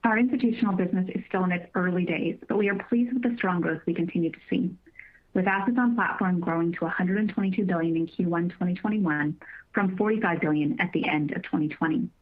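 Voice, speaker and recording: Her voice on the lower side, a woman presenting as a company's finance executive reads scripted earnings call remarks with formal, measured, carefully worded delivery. The audio comes through a tinny, narrow conference call line.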